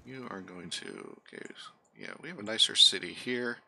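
Male game host, bright, lively delivery, self-deprecating let's-play chatter. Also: lowish voice, normal speed, vocal fry. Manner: mutters running asides to himself and his units. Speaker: gaming channel host. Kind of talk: casual let's-play commentary.

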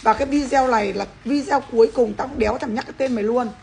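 A woman's voice: a little high, fast talker, vocal fry, a little mellow, a little hiss or hum. A woman vlogger delivering a combative, profane rant straight at a rival, hammering her points with repeated questions. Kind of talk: angry rant to camera.

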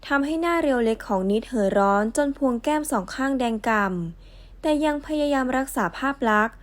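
A woman narrating a romance novel audiobook in smooth, even storytelling. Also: high voice, brisk.

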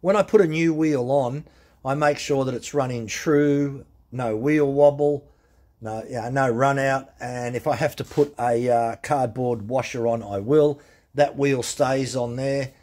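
A man's voice: medium pitch, unhurried, darkish tone. A man teaching chainsaw sharpening in his workshop, explaining step by step in a plain-spoken way and repeating the key points. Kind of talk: casual how-to demonstration. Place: workshop with grinders and tool wall.

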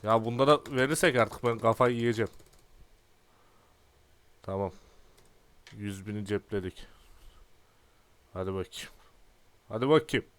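Young male gaming YouTuber, twenties; clean resonant low voice, exasperated and grumbly, clears throat a lot. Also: measured pace, long pauses, a bit bright, no room sound. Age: 20s. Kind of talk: casual gameplay commentary.

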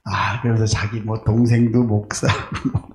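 A male pastor preaching a conversational, storytelling sermon, animated and confessional, making jokes at his own expense. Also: lowish voice, normal speed. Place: church sanctuary. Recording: echoey church room with faint background noise.

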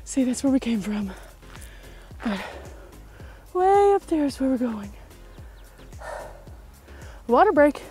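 Woman, 30s, out-of-breath outdoor selfie vlog, slightly high voice, music bed behind. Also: big pitch swings, takes it slowly, pauses often, mellow. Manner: breathless, tired, chatty. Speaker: vlogger. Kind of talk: hiking vlog to camera. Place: steep outdoor mountain stair trail. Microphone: phone held at arm's length.

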